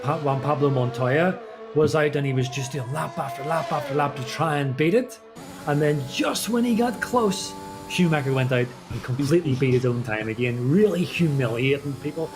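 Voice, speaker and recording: A man's voice: a little high, moderate pace, over music. A man co-commentating a sim race, chatty and rambling through anecdotes with lots of fillers.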